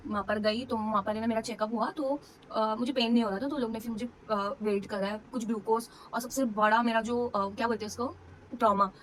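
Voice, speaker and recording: A woman's voice: on the high side, steady tone, a little fast, a little hiss or hum, low-quality recording. A young woman vlogger, casually telling a personal story to camera, emotional and full of fillers. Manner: chatty, emotional retelling with many fillers.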